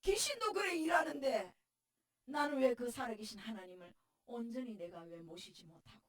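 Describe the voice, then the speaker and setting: A middle-aged woman pastor with a Gyeongsang accent gives a tearful testimony sermon, often breaking into shouts. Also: fairly high pitch, expressive, normal speed. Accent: Gyeongsang dialect. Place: church sanctuary. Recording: voice distant from the mic.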